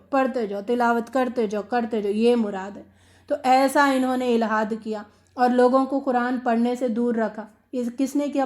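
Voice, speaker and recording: A woman's voice: high-pitched, a little mellow. A woman giving a religious lesson on Quran recitation, earnest and questioning, repeating phrases for emphasis and mixing in English words. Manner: mixes English words into speech. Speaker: Quran teacher. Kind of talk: religious lecture.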